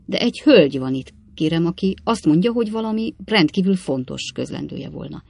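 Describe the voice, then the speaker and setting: A man's voice: fairly high pitch, lively intonation, vocal fry, a little mellow, no room sound. A man reading an audiobook, voicing a cheeky, talkative young manservant who speaks like a showman and likes folksy sayings.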